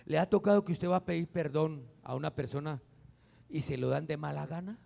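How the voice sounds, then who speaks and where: A middle-aged pastor preaching, his voice set high and edged with a gravelly fry. He swings from loud emphatic peaks to quiet acted-out asides. A man in full sermon delivery. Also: a little fast.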